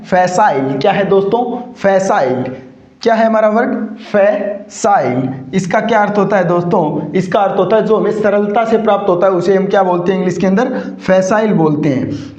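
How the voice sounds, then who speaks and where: A man teaching English vocabulary for exams, asking a question and answering it himself, and stretching words out slowly to show how they are said. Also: sits high, a little mellow. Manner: repeats each word with question-and-answer drilling; drawls words slowly for pronunciation. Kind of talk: exam-prep vocabulary lesson. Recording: roomy, dull lo-fi sound.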